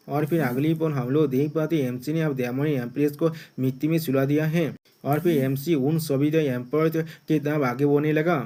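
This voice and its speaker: A man's voice: a little high, warm tone. A man narrating a manga recap in a casual, chatty way, often talking straight to his viewers as friends. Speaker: manga explainer.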